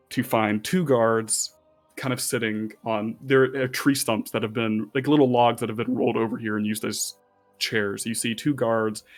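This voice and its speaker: Guy gm-ing a tabletop game, easygoing rambly narration, faint music under it. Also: mid-range voice. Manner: relaxed, rambling narration with fillers. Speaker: game master.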